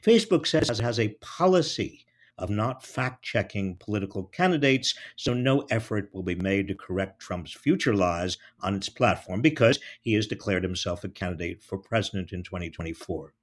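Addressing listeners directly, a man delivers scripted political commentary with emphatic, deliberate phrasing. His voice is husky, lowish and animated.

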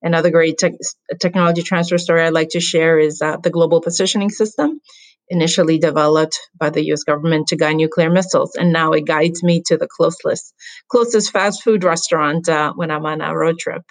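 Woman from the Dominican Republic, low voice. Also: steady tone. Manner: upbeat, measured storytelling with fillers. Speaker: guest. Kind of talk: interview answers. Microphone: video call.

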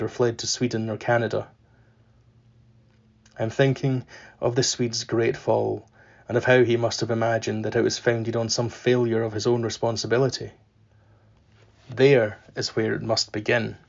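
A man reading a passage of literary fiction aloud for his podcast, in a measured, unhurried way with deliberate pauses. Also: medium pitch, dull audio. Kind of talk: literary reading with spoken afterword.

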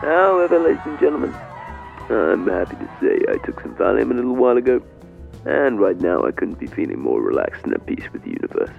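A man playing a bitter, heartbroken airline captain on the intercom, calm and matter-of-fact, with a low, deeply gravelly voice that swoops widely in pitch. The sound is thin and tinny like a cabin speaker, and faint music plays underneath. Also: a little fast, full character voice. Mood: deadpan. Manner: calm, matter-of-fact, polite announcer's phrasing. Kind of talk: comic in-flight announcement.

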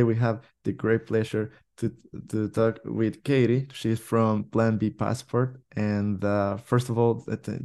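Male podcast host, low gravelly voice, warm tone, halting delivery. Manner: hesitant, many restarts and fillers. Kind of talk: conversational interview.

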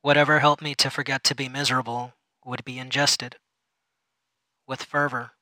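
A man's voice: medium pitch, flat delivery, moderate pace, bright, forceful tone, no echo, low-quality recording. A man reading a first-person story aloud in a sardonic, bitter manner.

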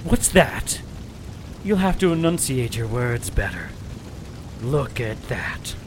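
A man voicing a cruel cult leader who taunts his captive in a slow, sneering way. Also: medium pitch, very animated, slight background noise. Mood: mocking. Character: cruel middle-aged male cult leader, mocking torturer.

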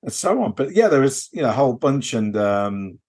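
This man's medium-pitched voice is sing-song and a little fast, with a darkish tone and a breathy edge. He co-hosts a podcast, rambling hesitantly through an off-the-record convention story and leaning on "you know" and "kind of."

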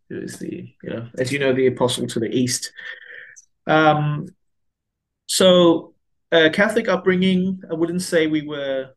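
A priest in his thirties from Malaysia recounts his life story as an interview guest. He speaks in a mid-range voice with a gravelly texture, pausing often on fillers and restarting his sentences as he thinks. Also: mid-range voice. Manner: hesitant, many fillers and restarts.

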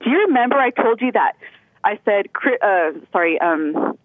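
On a casual phone-in, a Californian woman caller rambles chattily and giggles as she talks. Her mid-range voice is expressive and moderately paced, coming through a tinny, dry phone line.

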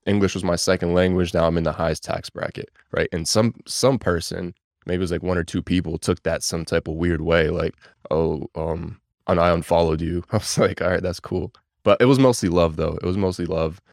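A man in his twenties from Bulgaria, whose first language is Bulgarian, talking as a podcast guest in a relaxed, rambling way full of fillers. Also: sits low, brisk, no room sound, clean studio sound. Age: 20s. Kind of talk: casual podcast interview.

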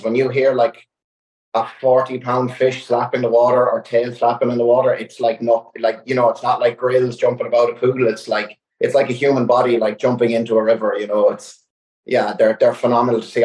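A young man tells a long story in relaxed conversation, peppering it with "like". His pitch stays quite flat and even, and the room around him sounds echoey. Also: fairly quick. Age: young adult. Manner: animated anecdote-telling with many "like" fillers. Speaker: guest angler. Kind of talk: casual storytelling.

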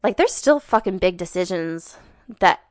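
A woman in her twenties, a podcast guest in casual chat, animated and full of "like", swearing offhandedly. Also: lowish voice, normal speed, no room sound, studio quality. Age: 20s.

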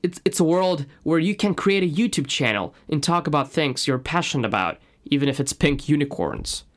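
A man's voice: a little high, lively intonation, moderate pace. A man from Russia with a Russian accent and native Russian, speaking as a podcast host in an earnest, personal scripted monologue.

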